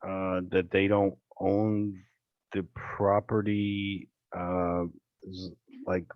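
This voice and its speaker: A man coaching on a casual screen-share call, chatty and relaxed, with many fillers and restarts. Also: deep voice, drawn-out words, no room sound, narrow, tinny audio. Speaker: real estate investing coach. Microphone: video call.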